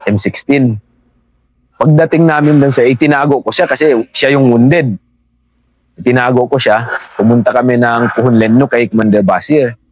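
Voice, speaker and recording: A man's voice: mid-range voice, moderate pace, a little mellow, no room sound. Deferential man recounting in a dry room. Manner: deferential, calls the host sir often. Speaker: interview guest, former rebel fighter. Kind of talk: conversational storytelling.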